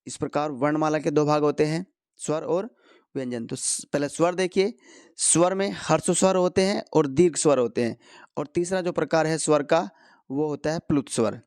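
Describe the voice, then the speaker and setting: A man teaching Hindi grammar to exam students, going slowly, posing questions and answering them himself. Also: on the high side, darkish tone, no room sound, clean studio sound. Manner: slow, repeats key answers, asks and answers his own questions. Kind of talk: explanatory lesson for competitive exam students.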